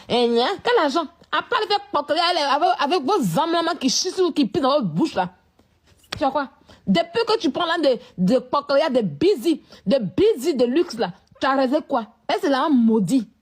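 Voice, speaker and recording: Woman vlogger, high-pitched, confrontational rant. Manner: scolding, repetitive, confrontational. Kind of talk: live-stream rant.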